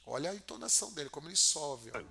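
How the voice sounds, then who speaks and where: A male English teacher walks through a film scene line by line, echoing each phrase before he unpacks it. His voice is bright and sits a little high. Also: big pitch swings, gravelly, a little hiss or hum. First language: Portuguese. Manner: repeats lines then explains slowly. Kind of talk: film-clip language lesson.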